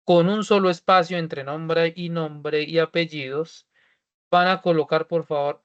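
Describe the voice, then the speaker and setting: A man's voice: a little high, highs cut off. A male teacher from Colombia walking students through a form in an online class, repeating each step and checking that everyone is ready.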